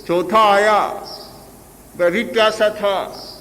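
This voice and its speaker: An older man, a spiritual teacher, telling a parable as a sermon in short, measured phrases. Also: sits high, fairly even intonation, pushed and bright. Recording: reverberant hall with faint hiss.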